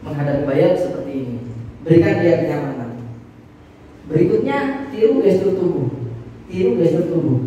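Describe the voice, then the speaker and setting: A middle-aged man giving a lively, casual motivational marketing talk to staff, slipping in English terms and acting out exchanges with customers. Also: sits high, a little hiss or hum. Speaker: sales training speaker. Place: meeting room, presenting with a projector. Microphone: far from the mic. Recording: echoey hall recording from far off.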